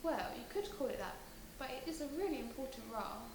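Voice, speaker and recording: A woman's voice: high-pitched, very animated, fast talker. A woman playing a modest young woman who mildly defends herself to snobbish friends. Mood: defensive. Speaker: sketch character. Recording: roomy echo, clear background noise.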